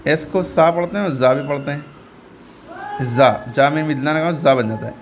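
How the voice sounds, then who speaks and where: A man's voice: fairly high pitch, normal speed, slight background noise. A man teaching English reading, patiently repeating each sound and quizzing his learner step by step. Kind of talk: step-by-step phonics lesson.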